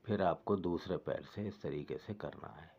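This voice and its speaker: A man calmly explaining knee exercises step by step, as a fitness instructor. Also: deep voice, normal speed, muffled recording. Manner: patient, repetitive step-by-step guidance.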